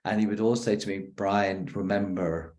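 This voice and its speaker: An Irish professor gives a conversational talk on communication over a video call, speaking in quick bursts broken by deliberate pauses. His voice is fairly low, steady, and darkish in tone.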